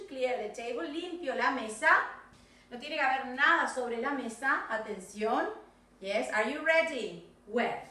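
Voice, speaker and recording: A high-voiced woman with a Rioplatense Spanish accent teaches children in a recorded video lesson, moving between English and Spanish. Her bright, animated delivery keeps checking that the kids are following. The sound is roomy and echoey, with her voice a little off the mic. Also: recorded from a distance.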